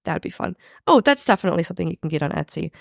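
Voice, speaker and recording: A lowish-voiced woman with heavy, creaky vocal fry, chatting as a podcast co-host. Her delivery is informal and peppered with filler "like", recorded close and dry. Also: sing-song, rapid-fire, a little mellow, dry recording. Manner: informal, swearing, frequent "like". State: husky from recent covid. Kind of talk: casual recap chat.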